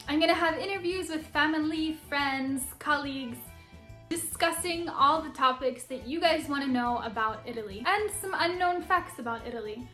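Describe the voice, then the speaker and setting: An enthusiastic young woman from Philadelphia, United States, a vlogger and Italian teacher, gives a bubbly, upbeat introduction to her channel to camera, laughing often. Her high voice rings through an echoey room as soft music plays faintly beneath.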